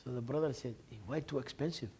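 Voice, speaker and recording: Gravelly-voiced sheikh. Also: male voice, mid-range voice, a little fast, warm tone, a little hiss or hum. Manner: conversational, jokes and laughs, acts out dialogue. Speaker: sheikh giving a religious lesson. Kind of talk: informal sermon with stories.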